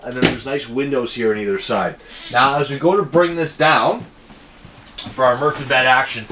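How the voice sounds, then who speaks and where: Upbeat salesman in noisy camper. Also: mid-range voice. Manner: upbeat, jokey salesman patter. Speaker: RV dealership salesman giving a walkthrough. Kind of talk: casual walkthrough tour. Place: inside a small camper trailer.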